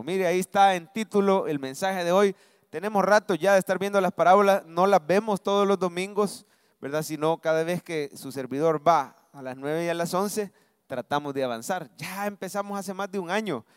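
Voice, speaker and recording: A man's voice: sits high, smooth, no room sound, clean studio sound. A man preaching a sermon to his congregation, reading verses aloud and calling on them to respond. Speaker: pastor. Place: church.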